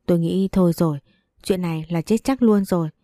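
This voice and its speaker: A woman's voice: fairly low pitch, a little fast, warm tone, no room sound, clean studio sound. A woman narrating a first-person story, voicing the dialogue as she goes.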